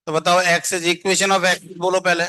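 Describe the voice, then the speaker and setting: A man's voice: high voice, flat delivery, normal speed, sharp tone, slight background noise. A man teaching a math class, constantly quizzing and coaxing his students to answer. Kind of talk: classroom lecture.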